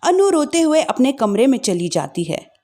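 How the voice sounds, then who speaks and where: High-pitched woman narrating a story. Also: very animated, normal speed, warm tone.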